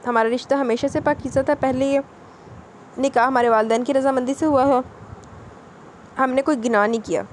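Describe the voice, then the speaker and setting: A woman's voice: high voice, steady tone, brisk, pauses often, a little hiss or hum, close to an everyday voice. A woman reading a doting, possessive husband. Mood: soothing. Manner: pleading, coaxing then scolding. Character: young married man, loving, possessive husband.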